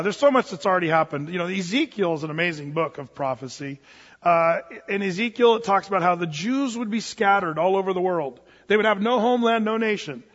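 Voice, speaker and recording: A man with a high, somewhat bright voice gives an earnest, rambling informal preaching talk on Bible prophecy, full of fillers and restarts. The recording sounds dull and lo-fi, with long hall reverb.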